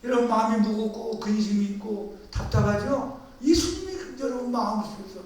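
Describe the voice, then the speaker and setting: A man with a high-set voice preaches earnestly to his congregation, pressing his points with fervor. His words ring through a very echoey church hall, picked up from a distance. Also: normal speed, darkish tone. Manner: earnest preaching, rising to fervent prayer. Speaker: pastor. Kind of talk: sermon. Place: church sanctuary.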